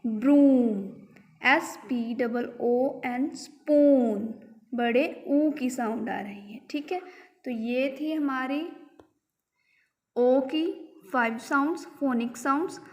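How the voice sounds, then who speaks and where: Woman teacher, high voice, very slow deliberate delivery, phonics lesson, long echo. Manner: spells words letter by letter and asks the class questions. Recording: long hall reverb.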